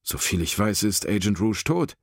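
A man's voice: on the low side, sing-song, normal speed, gravelly, husky, dry recording, clean studio sound, voice pushed up, full character voice. A man voicing a defiant, sardonic female chief inspector in an audiobook, speaking with bored, cutting sarcasm. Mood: cold insistent.

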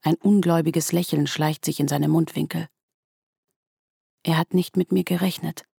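A woman narrating a first-person literary story in a hushed, tense way, at times sinking to a whisper. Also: sits low, steady tone, normal speed, vocal fry, slightly rough, dry recording, studio quality. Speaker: audiobook narrator.

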